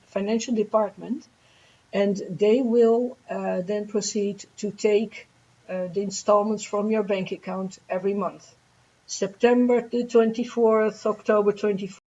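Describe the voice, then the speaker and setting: A woman on the university staff walks students through payment steps. Her voice is mellow and warm, she speaks plainly and practically, and the sound is somewhat dull and muffled. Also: medium pitch. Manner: plain, practical, chuckles at the rules. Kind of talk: webinar explanation.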